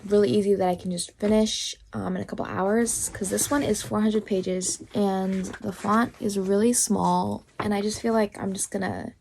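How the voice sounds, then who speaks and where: A woman's voice: medium pitch, steady tone, normal speed, creaky, few pauses, darkish tone, a little hiss or hum. A young woman casually vlogging about books, tired and chatty, with lots of filler words. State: tired, yawning. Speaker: book vlogger. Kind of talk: casual vlog to camera.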